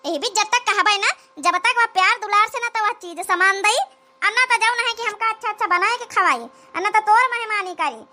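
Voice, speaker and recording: A woman voices a scheming, flattering older village mother-in-law in a comedy cartoon, using an Awadhi accent and wheedling, rustic chatter. The delivery is very high-pitched, fairly quick, and heavily acted, with a scheming, coaxing mood.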